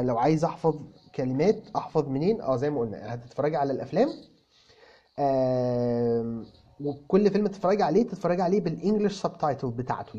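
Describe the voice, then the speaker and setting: Man, Egyptian Arabic accent, English teacher, answering viewer questions, animated, repeats words, mellow, raspy edge. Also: mid-range voice, dull audio.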